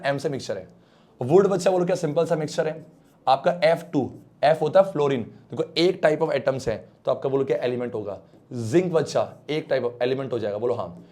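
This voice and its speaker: A man teaching a science lesson online, brisk and coaxing, keeps pressing students to answer quickly. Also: a little high, darkish tone.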